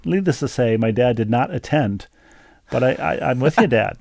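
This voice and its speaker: A man's voice: mid-range voice, animated, normal speed, creaky, darkish tone, no echo. A man co-hosting a casual podcast, reading listener letters aloud with chatty asides. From Minnesota. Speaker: podcast co-host.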